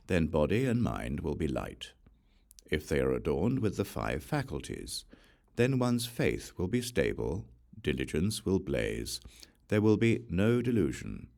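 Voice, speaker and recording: Reading scripture as an audiobook narrator, a man with a very deep, slightly mellow voice keeps his delivery solemn and measured. His intonation swings widely up and down between phrases, and a gravelly creak runs beneath it.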